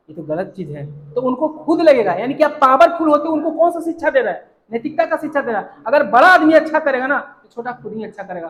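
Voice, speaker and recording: A teacher explaining a textbook lesson line by line, reading English lines slowly and checking understanding. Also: high-pitched, fairly bright tone. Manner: explains with everyday examples, filler "है ना". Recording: roomy echo.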